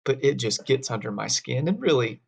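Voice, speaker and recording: A man with a gravelly, husky mid-range voice teaches a history class, animated and at a moderate pace. He tells stories in a folksy, conversational style, posing rhetorical questions. The classroom recording is dull and lo-fi.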